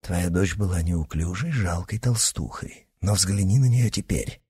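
A man's voice: deep voice, measured pace, darkish tone, slightly rough, heavily acted. A man voicing a cold, curt and mocking male henchman in an audiobook. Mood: cold, menacing.

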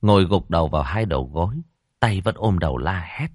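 A man narrating a horror story in an expressive, dramatic way, voicing the characters. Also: sits low, a little fast, dry recording, studio quality.

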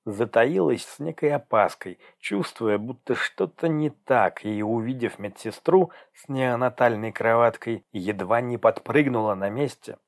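A man narrates an audiobook in a measured, even way. His voice sits at a middle pitch for a man. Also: gravelly. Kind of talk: scripted narration.

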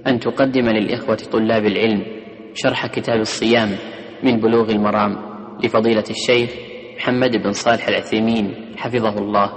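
A man's voice: fairly low pitch, big-room sound, low-quality recording. A man reading a scripted introduction in formal standard Arabic as the announcer of a recorded lecture series.

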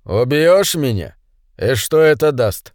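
A man as a calm, steady army colonel. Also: mid-range voice, slow, no room sound, studio quality. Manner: quiet, composed.

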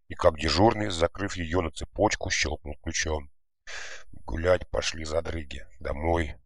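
Low-voiced guy reading an audiobook, steady and expressive, dry sound. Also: dry recording. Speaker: audiobook reader. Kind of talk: audiobook narration.

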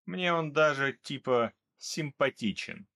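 A man reading an audiobook, voicing a cold, calm male mercenary who speaks in a flat, unhurried way. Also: on the high side. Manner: flat, even, unhurried delivery.

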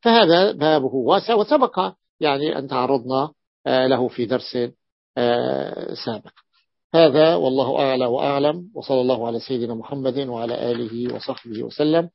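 Gravelly male teacher, slow and explanatory. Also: medium pitch, dry recording, dull audio. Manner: slow and explanatory, repeating words and stretching them out; frequent drawn-out hesitations. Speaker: teacher of Arabic morphology. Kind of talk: classroom lecture on grammar.

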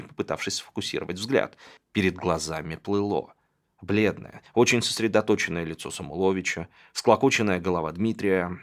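A man narrating an audiobook in a dramatic, expressive way. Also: deep voice.

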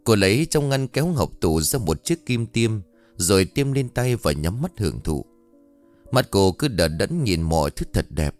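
A man narrating a dark story in a dramatic, lively storytelling manner. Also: fairly low pitch, normal speed, faint music behind.

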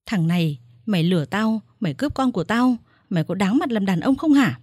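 A woman's voice: mid-range voice, lively intonation, fairly quick, no room sound, clean studio sound, close to an everyday voice. A woman voicing a young mother who has been tricked out of her baby, raging and sobbing. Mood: screaming. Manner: shouting, sobbing, vengeful. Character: furious young mother, wronged mistress.

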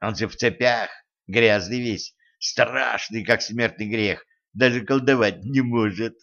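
A man's voice: fairly low pitch, measured pace, a bit bright, dull audio. A man reading an audiobook, voicing a haughty, spoiled young tsarevna who talks in a brash, mocking, folksy way. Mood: boastful.

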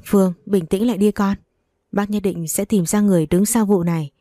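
A woman reading the part of an older mother-in-law who talks slowly and soothingly but snaps at her daughter-in-law. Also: mid-range voice, steady tone, mellow, dry recording, clean studio sound, lightly acted. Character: older mother-in-law, doting yet harsh.

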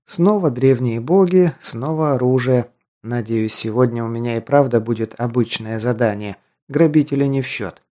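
A man's voice: mid-range voice, normal speed, warm tone, natural voice. A man reading an audiobook, voicing a wry, teasing young male hero in close to his own voice.

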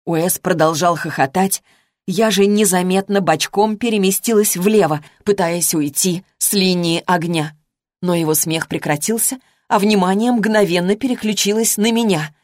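Low-voiced woman narrating a novel. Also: no echo, studio quality. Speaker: audiobook narrator. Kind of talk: scripted first-person novel narration.

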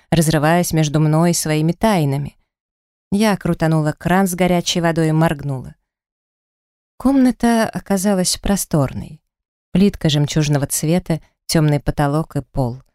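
Low, warm-voiced woman reading an audiobook. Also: dry recording, clean studio sound. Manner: expressive, dramatic storytelling. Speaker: audiobook narrator. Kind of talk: first-person audiobook narration. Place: recording studio.

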